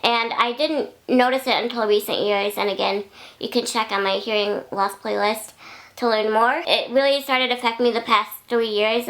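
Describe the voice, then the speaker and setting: Young woman vlogger, high-pitched, talks to camera in a rambling, chatty way that wanders and doubles back. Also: fairly bright tone. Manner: rambling, chatty, loses her thread and backtracks. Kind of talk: casual vlog talking to camera.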